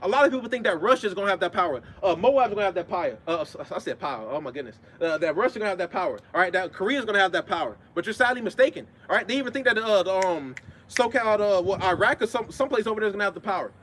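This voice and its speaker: A man's voice: sits high, expressive, racing, fairly bright tone, a little hiss or hum. A man preaching an informal sermon in blunt street talk with frequent swearing. He keeps checking in with his listeners and repeats his points with emphasis. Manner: emphatic and repetitive, constant "all right?" check-ins. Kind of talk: informal sermon with scripture readings.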